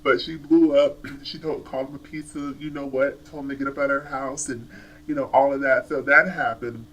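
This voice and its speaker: A man's voice: medium pitch, a little fast, slight background noise, rough recording. Chatty man reviewing a TV episode. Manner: animated, chatty, frequent restarts. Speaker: TV show reviewer. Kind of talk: casual commentary.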